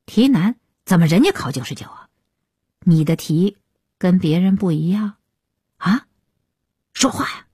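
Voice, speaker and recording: A woman voicing an angry middle-aged mother who scolds her daughter loudly and shrilly. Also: medium pitch, big pitch swings, brisk, slightly rough, no echo, clean studio sound, heavily acted. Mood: angry scolding.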